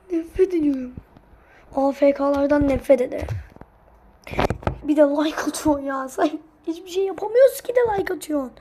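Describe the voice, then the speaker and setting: A woman's voice: high voice, background noise. A woman commentating her own gameplay, swinging between muttered asides and frustrated, cursing outbursts at her teammates. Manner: drops to muttered asides between loud cries. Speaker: gaming streamer.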